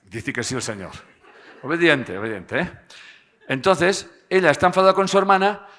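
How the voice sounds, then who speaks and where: A man gives a live talk to an audience, animated and joking, often tagging his sentences with a questioning "eh?". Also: a little high, normal speed. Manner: animated, tags phrases with "¿eh?" and jokes with the audience. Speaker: speaker giving a seminar.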